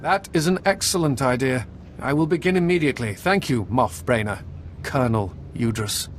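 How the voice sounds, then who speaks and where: An actor playing an earnest, deferential military commander in a video game, polite and formal. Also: male voice, mid-range voice, lively intonation, moderate pace, slight background noise, lightly acted.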